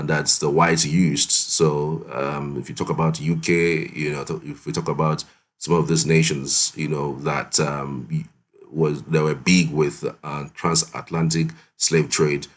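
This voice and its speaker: A man giving live news commentary, talking in a halting way with many restarts and fillers. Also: rumbling low.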